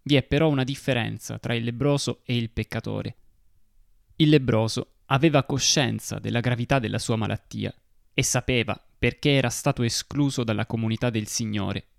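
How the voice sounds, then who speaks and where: A man giving a slow, solemn devotional reading. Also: medium pitch, vocal fry, no echo, clean studio sound.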